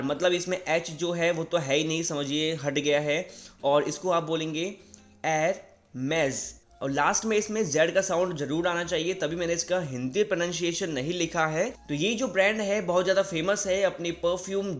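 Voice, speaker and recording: A young Indian man giving a casual video lesson, repeating words slowly and often checking with "right?". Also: fairly high pitch, dull audio, soft background music. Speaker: English teacher.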